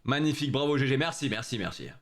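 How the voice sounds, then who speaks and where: A man's voice: mid-range voice, quick pace, fairly bright tone. A young man chatting with his viewers during a live stream, joking in slangy talk. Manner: slangy, joking, talks straight to chat.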